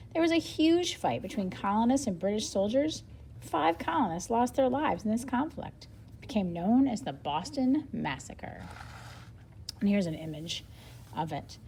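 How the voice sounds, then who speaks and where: A woman with a mid-range voice gives children a lesson by expressively reading a nonfiction book aloud, pausing to think out loud and explain things in simple terms. Slight background noise can be heard.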